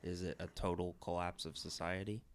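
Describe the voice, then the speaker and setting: A man's voice: sits low, level tone, fairly quick. A man in a casual podcast chat, dry and matter-of-fact.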